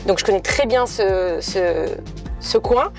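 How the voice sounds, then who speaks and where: A woman's voice: medium pitch, lively intonation, slow, soft background music. A woman from the south of France interviewing a guest in a chatty, playful way. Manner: chatty, playful, laughs often. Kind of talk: casual conversational interview. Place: in a van.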